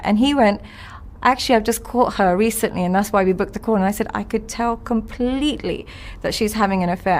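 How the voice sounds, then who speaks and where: A woman with a fairly high voice talks as a podcast guest about relationships. She is blunt and emphatic, throwing herself into her stories with lively conviction. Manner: blunt, emphatic, animated storytelling. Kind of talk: conversational podcast interview.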